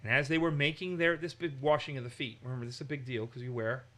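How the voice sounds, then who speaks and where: This Bible study teacher from Massachusetts speaks quickly at a medium pitch, keeping it conversational. When quoting, he gets animated and acts the lines out in raised voices.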